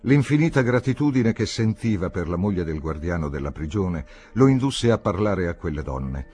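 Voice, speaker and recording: A man reading a classic novel aloud as an audiobook, with an expressive, measured storytelling manner. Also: sits low, faint music behind. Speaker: audiobook reader.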